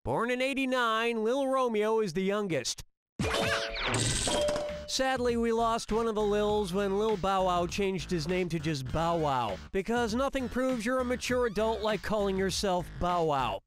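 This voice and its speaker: A man's voice: sits high, expressive, measured pace. A man playing a wisecracking, sarcastic quiz show host in a video game, with a snarky, punning delivery. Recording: game audio with loud music behind. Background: loud game music.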